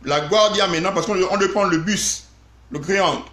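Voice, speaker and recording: A man telling an animated story on a live stream, talking straight to his viewers. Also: high voice, normal speed, roomy sound. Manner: animated, addresses viewers directly.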